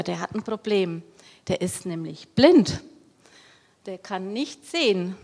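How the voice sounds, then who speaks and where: A woman telling a Bible story to children, explaining as she goes and asking them questions. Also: mid-range voice. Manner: lively, explaining, asks the audience questions.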